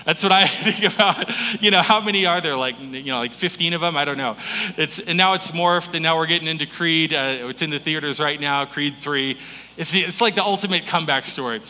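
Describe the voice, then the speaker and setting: A man's voice: on the high side, fairly quick, pushed and bright. A man preaching a conversational sermon, informal and folksy, speaking directly to his listeners. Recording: reverberant hall.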